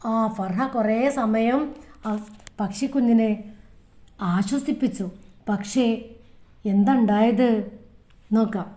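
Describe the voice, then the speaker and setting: A woman's voice: on the high side, takes it slowly, long pauses, mellow. A woman with a Kerala Malayalam accent teaching a recorded lesson to young children, repeating words and making animal sounds in a sing-song way.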